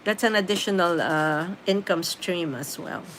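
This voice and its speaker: Her voice sits on the low side, fairly bright in tone and unhurried, as she responds with easy laughs to comments she reads aloud on a casual live stream. She is a middle-aged Filipino woman from the Philippines with a Filipino accent and Tagalog as her first language. The recording is low quality, with slight background noise.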